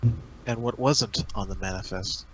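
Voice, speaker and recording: A man with a fairly low voice takes part in a tabletop role-playing game. He speaks his lines in character, as improvised dialogue. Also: fairly even intonation, moderate pace, a little hiss or hum, rough recording.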